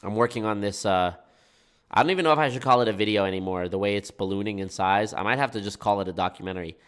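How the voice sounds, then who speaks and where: A man's voice: fairly low pitch, fast, clean tone. A man with a stuffed-up, blocked nose talking casually and informally to viewers as a live streamer. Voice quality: congested, blocked-nose sound. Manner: informal, swearing, folksy "y'all". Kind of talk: casual livestream chat with viewers.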